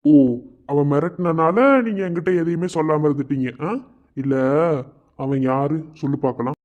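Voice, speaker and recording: A man's voice: a little high, steady tone, normal speed, close to an everyday voice. A man doing a protective young college guy. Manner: reassuring, protective and earnest. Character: male college student comforting his fiancée. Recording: dull lo-fi sound.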